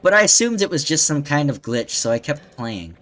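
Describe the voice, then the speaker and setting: A man's voice: fairly high pitch, sing-song, brisk, fairly bright tone. A young man reading a silly internet story aloud, often breaking into laughter.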